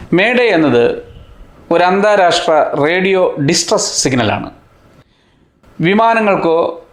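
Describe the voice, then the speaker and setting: Speaking in short, deliberate phrases, a science explainer host reads his script in a fairly high voice and asks rhetorical questions like a teacher. A clear echo gives the audio a noticeably roomy sound.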